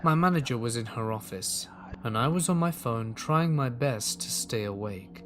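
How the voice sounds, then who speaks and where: Guy reading a scary story calmly, mid-pitch voice, quiet music under it. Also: moderate pace. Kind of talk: scripted horror story narration.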